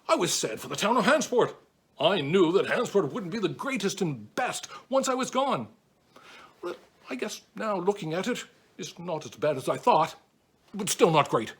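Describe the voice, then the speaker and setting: A man's voice: sits high, slightly rough. A man playing the proud, wry ghost of a 19th-century politician in a first-person historical monologue.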